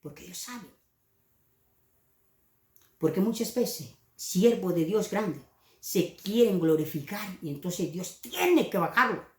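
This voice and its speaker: A woman's voice: medium pitch, very animated, takes it slowly, pauses often, a little mellow, echoey room. A woman preaching a sermon with passion, now and then mimicking other preachers mockingly.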